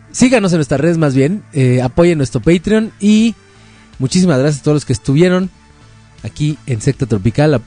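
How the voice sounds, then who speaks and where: A relaxed man signing off his podcast in a chatty, easygoing manner. His voice is warm and mellow, with faint music playing behind him. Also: medium pitch. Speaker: podcast host. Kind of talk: casual podcast sign-off.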